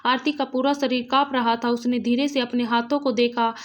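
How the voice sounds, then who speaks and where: A woman narrating a dramatic, emotional story in a steady, even-toned reading. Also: on the high side, moderate pace.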